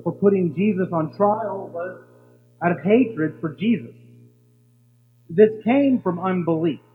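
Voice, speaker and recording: A pastor with a high voice preaches a sermon and poses rhetorical questions as he teaches. The sound is thin and phone-like, carrying a long hall reverb and a faint hum underneath.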